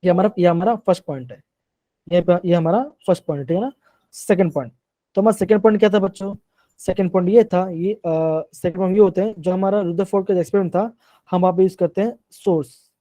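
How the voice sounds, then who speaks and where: A man's voice: high-pitched, mellow, dry recording. A man teaching a class live online, often asking questions and repeating them, mixing terms into his sentences.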